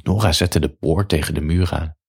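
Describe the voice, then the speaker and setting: A man's voice: very deep voice, fairly even intonation, normal speed, vocal fry, slightly rough. A man narrating a first-person story in a dry, matter-of-fact way.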